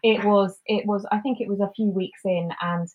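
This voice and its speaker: A woman co-hosting a podcast in casual chat, talking in an animated way and acting out quotes in mock voices. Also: medium pitch, brisk, poor audio. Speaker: podcast co-host.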